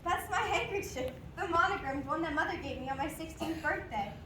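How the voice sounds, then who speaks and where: A woman's voice: very high-pitched, a little fast. A woman playing an earnest, romantic and proud young woman in an amateur stage play, recorded from a distance in a noisy, echoing room. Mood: flustered.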